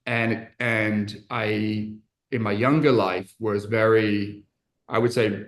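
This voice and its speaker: A man from England, a podcast guest and entrepreneur, speaking candidly and reflectively in casual conversation, with frequent fillers and restarts. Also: fairly low pitch.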